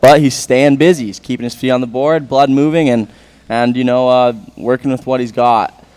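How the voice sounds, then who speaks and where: A man's voice: medium pitch, fairly even intonation, normal speed, a little mellow, smooth. A man giving live sports commentary on a surf contest, explaining things in a conversational way.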